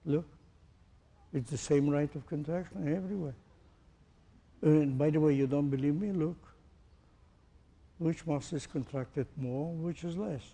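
A man's voice: a little high, measured pace, pauses often, dark tone, in a large hall. A man teaching a group, asking pointed questions and demonstrating with his own body. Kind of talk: interactive lecture to a group.

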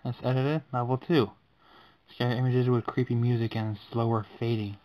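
A man's voice: medium pitch, flat delivery, a little fast, dull audio. A young man giving casual reaction commentary to a scare challenge, sounding like a nervous, easily startled horror streamer. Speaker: gaming YouTuber. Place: dark indoor room at night.

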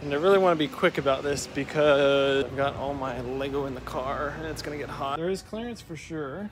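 A man talking in a chatty, excitable travel vlog from his car and roadside stops, filming himself on a handheld camera. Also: a little high, brisk. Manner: excitable, chatty, jumps between asides. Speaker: vlogger. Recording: road and car noise behind.

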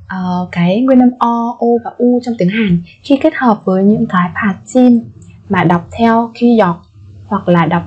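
A woman teaching a language vocabulary lesson, repeating each word slowly several times. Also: medium pitch, a little mellow, slightly rough. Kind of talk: vocabulary lesson with repetition drills. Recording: muffled lo-fi recording.

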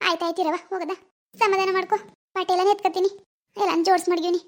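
A woman's voice: extremely high pitch, flat delivery, fast talker. A woman doing a fussing village mother. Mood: anxious soothing. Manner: soothing, fussing, chatty. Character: anxious middle-aged village mother. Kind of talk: cartoon voice acting.

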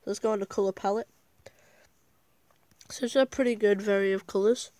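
A gaming video creator talks casually to her viewers as she plays, giggling a lot and narrating each step to herself. Her voice is mid-range and dark, steady in tone and a little quick, captured in a dry recording.

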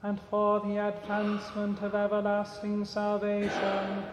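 A priest chanting the liturgy in a slow, solemn manner, holding a steady tone. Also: male voice, sits high, noisy background. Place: large church. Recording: echoey church hall, slightly dull.

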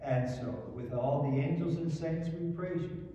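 A male priest reciting liturgical prayers at Mass in a measured, solemn way, his voice carrying through a cathedral echo from a distant microphone in a large church. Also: a little high, warm tone, a little hiss or hum. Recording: echoey church hall from far off.

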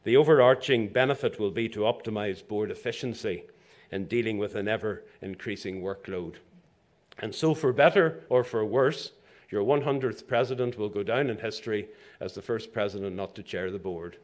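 An older man with a lowish voice delivers a prepared presidential address from a lectern. His pace is measured and formal, broken now and then by a dry aside. He speaks into a lectern microphone in a lecture hall. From Zambia. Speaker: institution president giving inaugural address.

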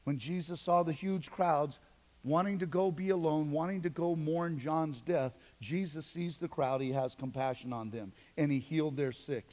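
Male pastor, animated preacher, higher voice, booming hall reverb. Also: moderate pace. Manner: animated, emphatic preaching with asides. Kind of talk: sermon. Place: church sanctuary. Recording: long reverb of a church hall.

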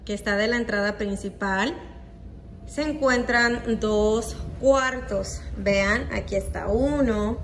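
Female vlogger, slightly high voice, effusive house-tour narration recorded on a handheld phone. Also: slight background noise. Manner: warm, gushing, repeats praise words. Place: rented vacation house indoors and out.

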